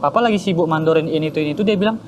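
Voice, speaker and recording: A man telling his personal conversion story in a casual interview, animated and acting out his parents' voices. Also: on the high side, racing, muffled recording, slight background noise. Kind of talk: casual spoken testimony.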